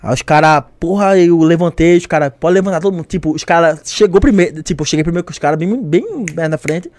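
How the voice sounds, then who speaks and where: A young man telling a story in casual chat, animated and acting out the voices of others. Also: a little high, fast, no room sound. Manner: animated, acts out voices, lots of slang.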